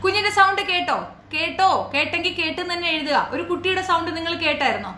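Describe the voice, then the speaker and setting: A woman's voice: extremely high pitch, fast, background noise. A woman giving reaction commentary in a sarcastic, taunting way, firing rhetorical questions at the listener. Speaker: commentary YouTuber. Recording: roomy echo.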